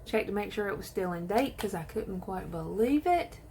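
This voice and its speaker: A woman chatting excitedly to viewers while she does her makeup in a casual tutorial. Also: mid-range voice, moderate pace, a little hiss or hum. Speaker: beauty vlogger.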